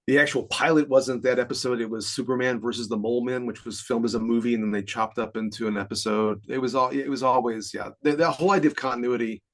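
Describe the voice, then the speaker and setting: A man's voice: mid-range voice, fairly even intonation, fast, few pauses. A man in his fifties co-hosting a podcast, chatting casually in a rambling, explanatory way with frequent chuckles. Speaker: podcast co-host. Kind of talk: casual chat.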